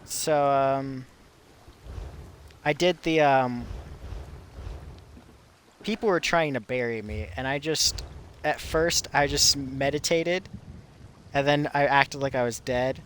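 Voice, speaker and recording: A man's voice: medium pitch, slow pace, pauses often, a bit bright, slight background noise. Male streamer, casual gaming chat, rambling playful storyteller.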